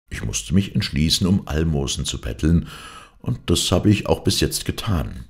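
A man reading a fairy tale aloud as a first-person narrator, in a dramatic, expressive storytelling manner. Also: a bass voice. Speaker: audiobook reader.

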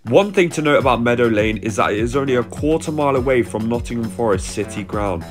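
A man's voice: medium pitch, lively intonation, fast talker. A man giving scripted, upbeat voice-over narration for a matchday vlog. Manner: clear, upbeat tour narration. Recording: music behind.

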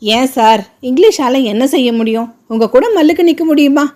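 A woman's voice: high voice, fairly quick, a little mellow, close to an everyday voice. Woman reading as a timid, placating young woman. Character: meek young woman avoiding a quarrel.

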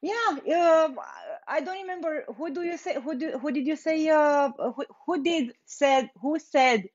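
Lo-fi audio captures a high-voiced young woman from Romania, Romanian accent and all, chatting unhurriedly as she runs a live furniture painting tutorial. She laughs easily, working in an indoor workshop with a bare wall.

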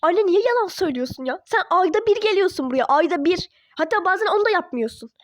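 A woman's voice: very high-pitched, expressive, fast talker, no echo, dull audio. A woman voicing a defiant teenage girl who argues with her parents in a toy-app role-play drama. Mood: pleading. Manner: indignant, argumentative.

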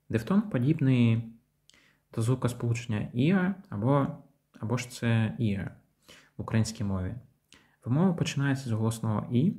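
A man's voice: mid-range voice, a little mellow. A man teaching English pronunciation, patiently explaining each sound and modelling example words. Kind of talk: pronunciation lesson.

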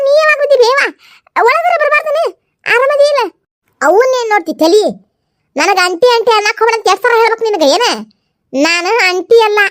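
A flustered young daughter-in-law, voiced by a woman with a North Karnataka accent, who stammers nervously. Her voice is squeaky and very high, and it sits a little back from the mic on a dry track. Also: no echo. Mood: puzzled. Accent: North Karnataka Kannada.

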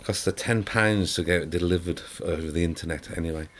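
A middle-aged Englishman with a deep voice chats to camera from his living room sofa, speaking a little fast. His casual vlog is rambling, filled with fillers and restarts, and the camera sits in front of him in close framing.

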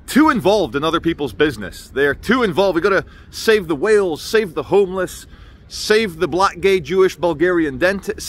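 A man's voice: on the high side, fairly bright tone. A man in his thirties or forties giving an intense, rambling opinion monologue to camera, with a slight whistle on his "sh" sounds. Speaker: vlogger. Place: busy open city square outdoors. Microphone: phone at arm's length. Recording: noisy outdoor city ambience with traffic.

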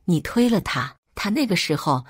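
Woman playing shrill mother, middle-aged, scolding, raised pitch, dry close sound. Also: very animated, normal speed, breathy edge, no room sound. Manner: shrieking, scolding.

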